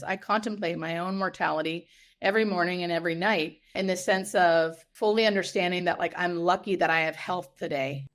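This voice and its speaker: A woman speaking as a hospice nurse in a conversational podcast interview, earnest and emphatic, repeating key phrases for weight. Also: mid-range voice.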